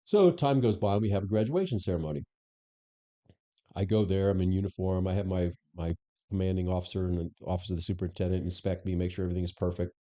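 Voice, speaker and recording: Interview guest, middle-aged man, low dark voice, storytelling with quoted dialogue, dull recording. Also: fast talker. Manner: anecdotal, acts out quoted dialogue. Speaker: interview guest, former police superintendent. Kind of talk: conversational storytelling.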